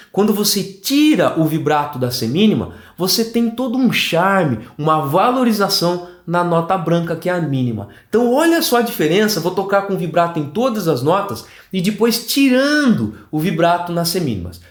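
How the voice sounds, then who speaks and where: A man with a Brazilian Portuguese accent teaching an online flute lesson, explaining in an animated way and often checking in with the viewer. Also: sits high. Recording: roomy echoey room.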